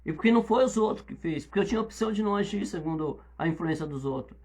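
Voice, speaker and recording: Lively Brazilian man preaching a sermon. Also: high-pitched, very fast. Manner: lively, conversational preaching with rising emphatic outbursts. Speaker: pastor.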